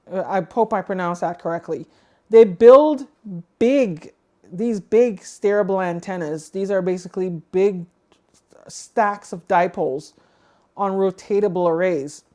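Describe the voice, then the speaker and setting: A woman from outside the United States co-hosts a ham radio livestream, offering casual news commentary in an explanatory, conversational way and thinking aloud as she goes. Her voice is medium-pitched and dark, and she speaks at a measured pace.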